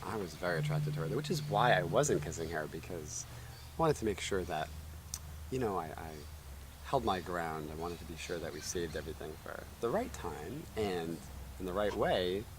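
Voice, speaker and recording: A man in his thirties, co-hosting a casual chat show and telling stories in a lively way. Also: low-pitched, moderate pace, noisy background. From United States. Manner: lively storytelling, chuckling. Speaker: co-host. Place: outdoor backyard.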